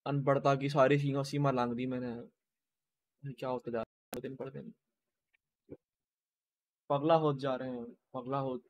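A man streaming a game, chatting casually with his viewers and greeting them by name, speaking quietly and low-key. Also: little pitch movement, normal speed, pauses often. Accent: Hindi.

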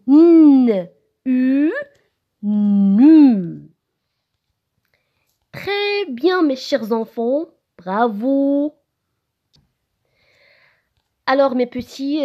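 A woman with a Moroccan French accent teaching a recorded lesson to young children, slow and sing-song, spelling letters one by one. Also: fairly high pitch, highs cut off. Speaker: preschool teacher.

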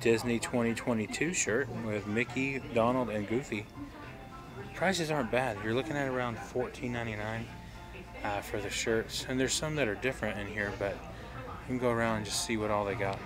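A man's voice: medium pitch, moderate pace, over music. A man talking casually while filming a walk through a gift shop, pointing things out as he goes. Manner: chatty, points things out as he films. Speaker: vlogger.

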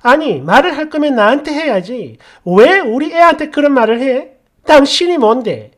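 A woman voicing a furious, rude middle-aged mother who yells and sneers insults, in a storytelling reading. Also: animated, normal speed, lightly acted. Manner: shrill yelling, sneering.

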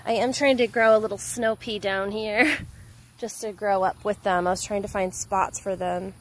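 A woman's voice: medium pitch, normal speed, a little hiss or hum. A young woman with a Texan accent, chatting casually as she films a walk through her backyard garden on a handheld phone. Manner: chatty, easily excited, trails off mid-sentence. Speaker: home gardener giving a garden tour. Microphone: handheld phone camera, filming while walking.

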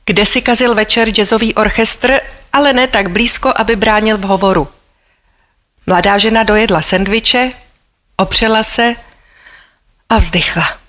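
A woman narrates an audiobook in a measured, even way. Her voice sits at a mid pitch and keeps a steady storytelling pace.

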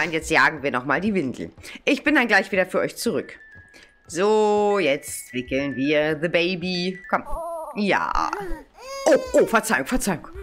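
A woman's voice: low-pitched, fairly bright tone, a little hiss or hum. A woman with a German accent giving casual commentary on a horror game, chatting and scolding the baby in it. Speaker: let's play gamer.

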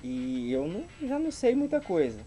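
This man's voice is fairly high with huge pitch swings, a dark tone and normal speed, and there's a little hiss or hum. A Brazilian-accented vlogger in his thirties, he chats slangily to camera while unboxing outdoors in a rural garden, exclaiming appreciatively, with the camera a couple of meters away.

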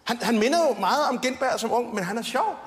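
High-voiced man roasting a guest. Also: animated. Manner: teasing, laughs at own jokes. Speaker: roast speaker. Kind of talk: stand-up roast speech. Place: TV studio stage with audience. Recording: long hall reverb, faint noise.

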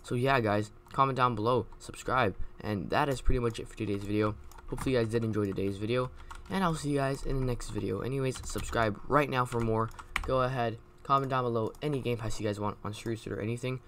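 A man's voice: medium pitch, quick pace, fairly bright tone, slight background noise. A young man doing casual gameplay commentary for his channel, with repetitive promo patter and many fillers. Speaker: gaming YouTuber.

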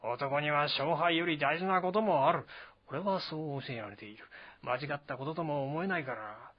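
Man putting on a loud swaggering warrior general. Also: on the high side, normal speed, lo-fi sound, close to an everyday voice. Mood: boisterous. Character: boisterous blunt male warrior general.

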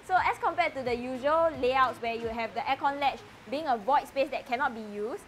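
A woman's voice: high-pitched, brisk, slight background noise. A young Singaporean woman presenting a scripted property home tour to camera. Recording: light music bed behind voice.

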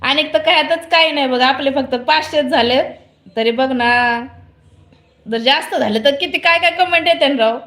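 A woman's voice: high voice, normal speed, fairly bright tone. A woman chatting casually on a phone live stream, reading comments aloud and laughing often.

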